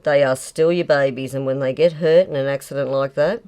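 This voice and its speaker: A woman's voice: extremely low pitch, fairly even intonation, brisk, dark tone, clean tone. A middle-aged woman, chatting casually and swearing playfully while she paints. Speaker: fluid art host.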